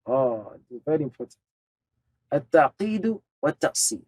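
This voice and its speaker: A man's voice: a little high, sing-song, normal speed, darkish tone, breathy edge, no echo. A man giving a religious lecture, speaking emphatically, laying out numbered points and sprinkling in Arabic terms. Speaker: Islamic teacher.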